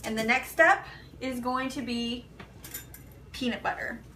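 A woman's voice: fairly high pitch, unhurried, pushed and bright, slight background noise, poor audio. A woman hosting a casual cooking demonstration, walking through each step in an easygoing, chatty way. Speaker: cooking video host.

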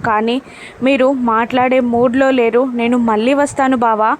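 A woman's voice: a little high, fairly even intonation, moderate pace, a little hiss or hum, close to an everyday voice. A woman voicing a timid young woman who hesitates and pleads. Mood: pleading.

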